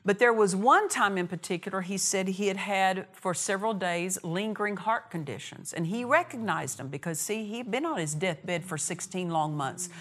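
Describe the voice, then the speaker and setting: A woman's voice: medium pitch, moderate pace, hardly any pauses, fairly bright tone. A woman preaching a sermon in a church, with emphatic repetition and short punchy phrases. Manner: emphatic, repeats key phrases, acts out quoted dialogue.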